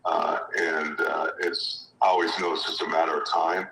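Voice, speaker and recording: A man's voice: very deep voice, level tone, moderate pace, gravelly, bright, forceful tone. A middle-aged man, a former football player and coach, answering thoughtfully with hesitant restarts over a video call. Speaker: guest, former pro football player and high school football coach. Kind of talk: reflective interview answers. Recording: echoey distant mic with background noise.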